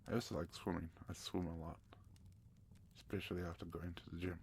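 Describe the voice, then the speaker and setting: A man from South Africa hosting a soft-spoken ASMR question-and-answer session, gentle and sometimes slipping into a whisper. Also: low voice, flat delivery, fairly quick, a little hiss or hum. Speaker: ASMR channel host.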